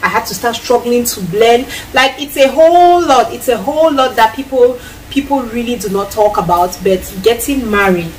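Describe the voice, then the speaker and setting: Cooking in a small tiled kitchen, a Cameroonian-accented woman in her thirties vlogs casually in a fairly high voice at a moderate pace. Her manner is animated, full of hand movement and acted-out quotes. The camera a few feet away captures low-quality, distant audio with some hiss or hum.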